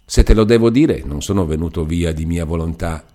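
An earnest young villager on the run, as a man reads him in an audiobook. The voice is low and mellow. He keeps his answers brief. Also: brisk, natural voice. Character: young male villager, a troubled fugitive.

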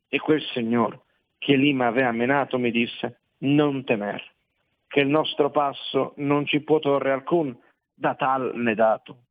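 A man reciting classic verse in a measured, solemn way. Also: medium pitch. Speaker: reader. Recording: tinny narrow-band dry recording.

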